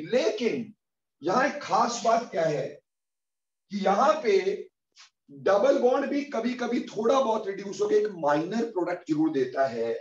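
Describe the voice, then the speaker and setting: A man teaching a chemistry class online in Hindi-English, calling his students "beta" and slowly dictating formulas. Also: high-pitched. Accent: Hindi-English mix. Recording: muffled, echoey, far from mic.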